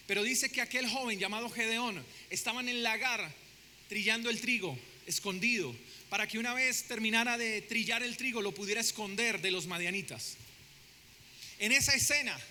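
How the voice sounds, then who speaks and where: A man's voice: high voice, bright, forceful tone, long reverb tail, a little hiss or hum. A man preaching a sermon dramatically, asking the congregation questions, in a church sanctuary.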